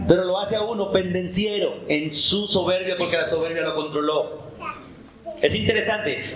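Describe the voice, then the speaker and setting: Preaching man in an echoey church. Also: sits high. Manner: animated preaching, acting out little dialogues, asks the congregation questions. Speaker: pastor. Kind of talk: sermon.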